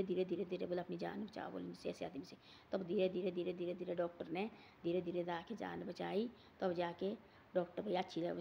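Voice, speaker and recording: A woman's voice: medium pitch, creaky, lo-fi sound, slight background noise. A woman, telling a moral story in a casual, rambling way and repeating words over and over.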